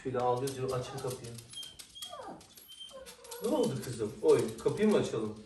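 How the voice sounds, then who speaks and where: A man's voice: medium pitch, very animated, moderate pace, mellow, recorded from a distance. Man coaxing his dogs, off-mic and echoey. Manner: coaxing, affectionate commands to dogs. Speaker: vlogger with pet dogs. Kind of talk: casual vlog talk to dogs and viewers. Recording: echoey, off-mic, noisy background.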